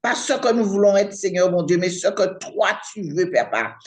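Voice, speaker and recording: A woman's voice: lowish voice, very animated, normal speed, a little mellow. A woman praying aloud fervently, repeating "Seigneur, mon Dieu" and "Papa" between every phrase. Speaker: prayer partner. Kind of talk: spoken prayer.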